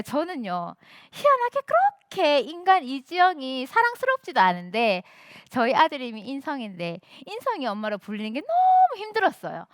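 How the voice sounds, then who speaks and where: A woman's voice: on the high side, dry recording, clean studio sound. A woman in her forties giving a motivational stage speech, emphatic and speaking directly to the audience. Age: 40s. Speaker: student speaker.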